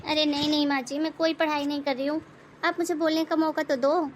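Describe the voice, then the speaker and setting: A woman voicing a young, overworked daughter-in-law in an animated moral story, speaking in a soft, plaintive, complaining way. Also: high voice, a little fast, slight background noise. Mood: pleading. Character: young downtrodden daughter-in-law, weary and gentle.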